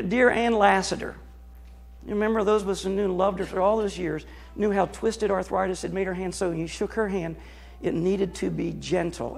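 A middle-aged American man preaches from the stage of a church sanctuary, his voice sitting unusually high for a man. He moves and gestures as he talks, and at times drops to a quiet, confiding tone with the congregation. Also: creaky. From United States. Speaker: pastor. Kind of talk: sermon.

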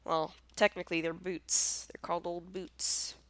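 A woman's voice: lowish voice, flat delivery, measured pace, no echo. A woman with a congested, nasal voice chatting casually through her gameplay, easily surprised and self-deprecating. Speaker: gameplay commentator.

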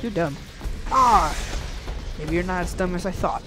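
A man hosting a gaming channel, chatting and reacting excitedly as he plays. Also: high voice, a little slow. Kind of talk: casual gameplay commentary. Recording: commentary over loud game music. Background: game music.

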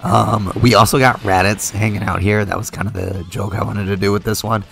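He speaks fairly quickly in a lowish, gravelly voice, casually commenting on a mobile game as he plays. The mobile game video creator stays relaxed, thinking aloud with fillers, though he's losing his voice from being slightly sick.

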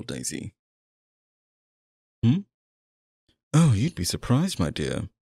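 In an ASMR roleplay, a man plays a sinister stage magician, courtly on the surface and possessive underneath, in a playful, showy mood. His lowish, darkish voice with vocal fry swoops expressively through theatrical, coaxing, exaggerated lines, recorded dry and close with no echo.

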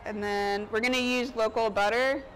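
A woman in her thirties, working as a chef, chats casually while cooking for an audience on an outdoor covered market stage. Her voice is a little high and a bit bright, with a steady tone and moderate pace. The low-quality lapel-mic recording picks up outdoor park ambience behind her.

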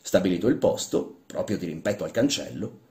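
Guy reading a story out loud, measured and expressive, lively pitch. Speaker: reader. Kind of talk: literary reading. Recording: roomy echo.

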